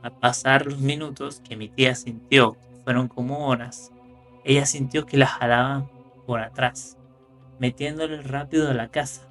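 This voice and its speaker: A man reading horror stories aloud in calm scripted narration, rising for the tense moments. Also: medium pitch, normal speed. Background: faint music.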